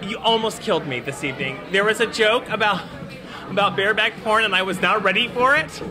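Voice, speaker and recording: Gushing high-voiced man interviewer. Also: over music. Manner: gushing, effusive, quick swings in pitch. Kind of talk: casual interview chat. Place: busy restaurant at night. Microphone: handheld mic. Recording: crowded restaurant chatter behind. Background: restaurant crowd chatter.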